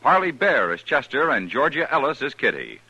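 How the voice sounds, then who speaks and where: A man's voice: medium pitch, very animated, normal speed, bright, forceful tone, breathy edge, dry recording. A male radio announcer giving formal, declamatory credits and promos in 1950s broadcast style. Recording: dull vintage radio broadcast with music.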